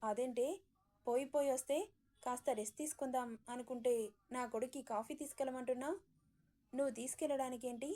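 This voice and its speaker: A woman voicing a bossy, chatty middle-aged mother-in-law who scolds with brisk questions. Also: high-pitched, fairly even intonation, mellow, lightly acted.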